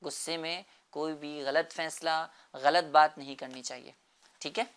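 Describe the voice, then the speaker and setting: A man with a slightly high, fairly bright, clear and resonant voice earnestly explains a moral lesson to children. His intonation stays fairly even, and he repeats phrases while frequently checking in with "right?".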